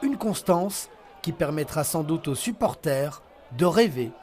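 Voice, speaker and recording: A male reporter giving scripted news narration with a measured, dramatic delivery. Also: a little high, lively intonation, a little mellow, soft background music.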